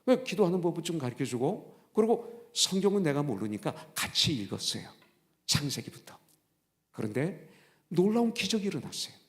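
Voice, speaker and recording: A man's voice: fairly high pitch, big pitch swings, normal speed. A middle-aged male pastor giving a revival sermon, telling his own story with many hesitant fillers.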